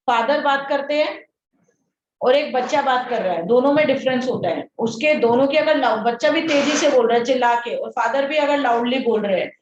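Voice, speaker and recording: A woman teaching a science lesson, explaining step by step and often checking that her students understand. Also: a little high. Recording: dull roomy recording with faint noise.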